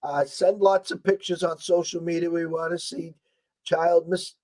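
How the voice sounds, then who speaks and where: An American man with a hoarse, strained voice that is nearly gone, hosting a casual sports betting talk show. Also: a little high, level tone, normal speed, darkish tone, poor audio. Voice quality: husky, strained voice. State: hoarse, losing his voice.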